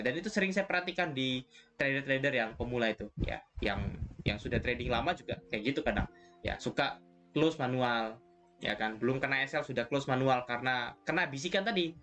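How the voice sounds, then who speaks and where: A man of ordinary pitch teaches trading in a loose, conversational way, checking in with listeners after nearly every point. Soft music plays faintly behind his voice. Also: lively intonation, fairly quick. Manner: chatty, repeats "ya kan" and "gitu" often. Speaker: trading mentor. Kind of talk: trading lesson.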